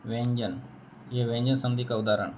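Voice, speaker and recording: Guy teaching spelling, kinda flat and even, says every word twice, some hiss behind. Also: mid-range voice, normal speed, dull audio. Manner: drills each word by repeating it, asks and answers his own questions. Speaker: Hindi teacher. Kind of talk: spelling lesson.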